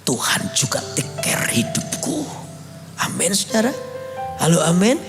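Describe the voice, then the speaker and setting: A man preaches at a church service. His voice sits high and carries gravel and fry. He tells his story animatedly and acts out both sides of the talk, while soft music plays underneath. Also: measured pace, reverberant. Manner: animated storytelling, acts out dialogue, calls for amens. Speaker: pastor. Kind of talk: sermon.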